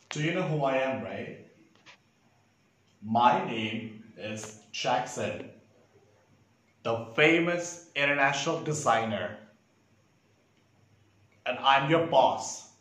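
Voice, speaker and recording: A man's voice: mid-range voice, fairly bright tone. A man acting a haughty, camp, angry fashion designer boss in a condescending, theatrical audition monologue. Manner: condescending, theatrical, drawn-out rhetorical questions. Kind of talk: acted audition monologue to camera. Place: indoors, plain dark backdrop, echoey room. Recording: very echoey room.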